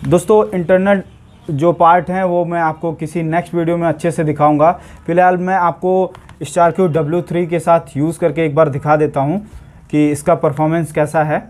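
A young man talks briskly in a fairly high, level, darkish-toned voice as he gives a laid-back review and demo of a pressure washer gun. Recorded outdoors in a yard while he washes a car, he addresses viewers like friends from a few steps away from the camera.

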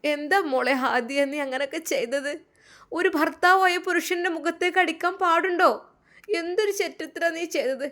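A woman's voice: moderate pace, fairly bright tone. A woman voicing an anxious, emotional middle-aged mother in a storybook tale. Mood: upset, scolding. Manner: anxious, pleading, high-strung.

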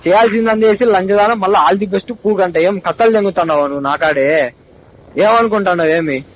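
A young man in a heated phone argument, angry and accusing, with an abusive, rapid-fire way of talking. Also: sits high. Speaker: college student on a phone call. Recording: phone call recording, dull with faint hiss.

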